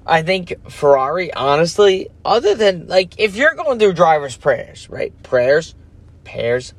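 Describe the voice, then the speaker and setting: A man's voice: high voice, very animated, unhurried. A sleepy, yawning man ranting casually as a podcast host, rambling and losing his focus. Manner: rambling, loses focus, self-interrupting. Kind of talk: casual rant.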